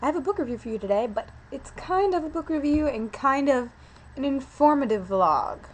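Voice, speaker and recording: A woman's voice: high-pitched, animated, fairly quick. A young woman hosting a casual book review vlog, playful and giggly, stumbling over Latin words. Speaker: vlogger.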